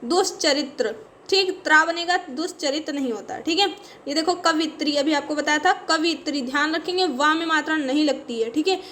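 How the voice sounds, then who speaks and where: A woman with a high, brisk, slightly bright voice teaches a spelling lesson for exam prep, with a little background noise present. She explains patiently and says "ठीक है" constantly to check in with students.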